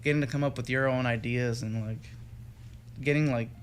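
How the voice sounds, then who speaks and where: A young adult man from Texas, a music student, is a guest in a casual interview, talking with many fillers and restarts. His mid-range voice has fairly even intonation at normal speed, and the radio studio recording has faint music behind it plus a little hiss or hum.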